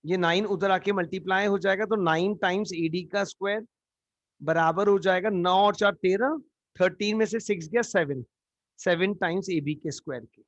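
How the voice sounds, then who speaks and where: A man's voice: high voice, moderate pace, no room sound. A man teaching a live geometry class, coaxing students with repeated questions. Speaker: math teacher. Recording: dull lo-fi online class audio.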